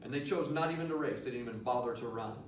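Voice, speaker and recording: A man giving an earnest, emphatic motivational lecture to students, leaning on rhetorical questions. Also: rapid-fire. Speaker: motivational speaker, teacher addressing students. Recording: echoey room, distant mic, low rumbling noise.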